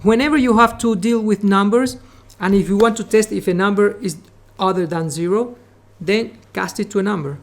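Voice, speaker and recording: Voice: mid-range voice, moderate pace, hardly any pauses. Caribbean-Spanish-accented coding teacher. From Latin America, Caribbean. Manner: repeats 'remember' and 'okay', explains step by step, coaxes students. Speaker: programming instructor. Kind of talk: live coding class with students.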